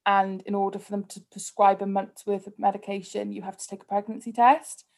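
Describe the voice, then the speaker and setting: A woman with a Cardiff accent speaks at a middle pitch in a casual interview. She is candid and conversational, peppering her sentences with "like" as she talks about herself. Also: flat delivery, a little fast, a little mellow. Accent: Cardiff Welsh. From Cardiff, Wales. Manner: candid, conversational, heavy use of "like". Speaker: podcast guest, influencer. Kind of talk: casual personal interview chat.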